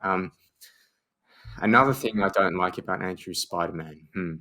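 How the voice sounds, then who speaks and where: A man's voice: low voice, moderate pace, bright, forceful tone, low-quality recording. A man co-hosting a podcast as a mock awards show, playful and rambling, with many fillers. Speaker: podcast co-host.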